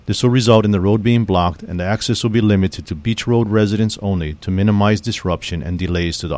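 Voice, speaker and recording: A man reading a formal, scripted civil defense broadcast as an official announcer, in a grave, measured manner. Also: sits low, a little mellow.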